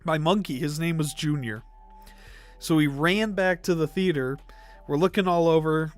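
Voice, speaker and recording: A man's voice: a little high, normal speed, soft background music. A young man livestreaming, ranking movies in casual chat, rambling with fillers and coughing now and then. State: coughing, throat irritated. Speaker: live stream host.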